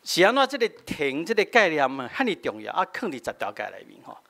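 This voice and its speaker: Lively-pitched Taiwanese pastor preaching. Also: male voice, fast. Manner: explanatory, frequent filler "hah" tags, switching between Taiwanese and Mandarin. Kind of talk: sermon teaching.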